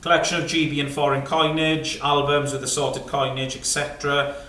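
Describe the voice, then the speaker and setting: Male British fine art auctioneer, clipped bid-calling patter, mid-pitched, recorded at a distance in an echoey sale room. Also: little pitch movement, normal speed, bright, forceful tone. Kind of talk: live auction calling, reeling off rising bids.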